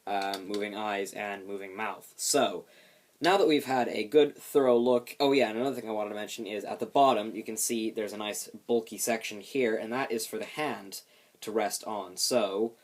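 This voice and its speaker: Male hobbyist demonstrator, slightly low pitch, casual explanatory delivery with a lightly self-deprecating touch. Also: moderate pace. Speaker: hobbyist demonstrating a homemade build.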